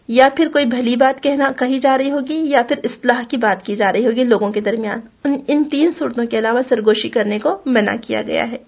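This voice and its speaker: High-voiced woman teaching a Quran class. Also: highs cut off. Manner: explains patiently, repeats key points, recites Arabic verses. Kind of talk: religious lesson.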